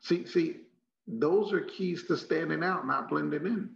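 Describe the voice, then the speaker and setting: Texas guy doing leadership training, really gravelly voice, folksy n emphatic, echoey room. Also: fairly high pitch, a little slow. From Texas, United States. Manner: emphatic, folksy, repeats phrases for effect, rhetorical questions. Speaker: motivational trainer. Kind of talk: motivational leadership training talk. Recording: muffled, echoey room recording.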